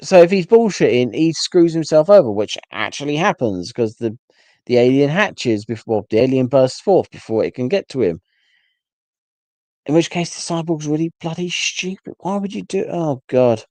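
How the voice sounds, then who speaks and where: Male host, rambling exasperated solo rant, warm low-toned voice, dry sound. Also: lively intonation, normal speed, no echo. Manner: rambling, stumbles and restarts, exasperated. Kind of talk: casual rant.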